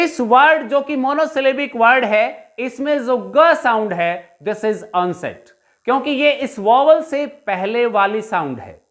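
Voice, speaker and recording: A woman teaching an English lesson, explaining slowly and deliberately in a mix of Hindi and English. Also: fairly high pitch. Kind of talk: classroom lesson.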